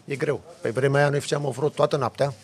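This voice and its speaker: A man, a podcast guest, telling a lively story in a casual chat with vivid sound effects. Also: medium pitch. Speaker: podcast guest, off-road driver.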